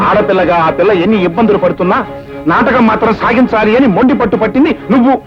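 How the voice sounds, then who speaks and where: An actor playing a middle-aged father who forcefully lectures his son about trust. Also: high voice, close to an everyday voice. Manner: forceful, moralizing. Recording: dull old film soundtrack with loud music.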